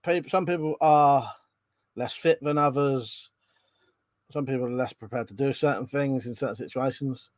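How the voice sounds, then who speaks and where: Speaking at normal speed in a medium pitch, a man hosts a live stream and reads viewer comments in a chatty, rambling way full of ums and restarts. He's congested from a cold and coughs now and then, and there's no room sound.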